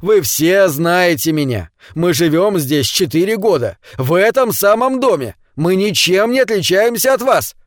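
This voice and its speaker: A man's voice: high voice, animated, normal speed, no echo, clean studio sound, pitched above the performer's own voice. A man reading an audiobook, voicing a peaceful homeowner who pleads and defends himself before his neighbors. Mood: defensive anxious. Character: peaceful middle-aged man, anxious then defiant.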